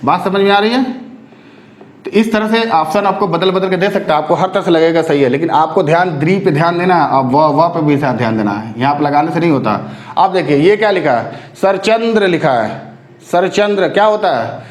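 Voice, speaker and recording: A man teaching an exam-prep spelling lesson, drawing words out slowly and often asking if students follow. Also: a little high, reverberant. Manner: repeats words slowly to drill pronunciation; keeps checking if students follow.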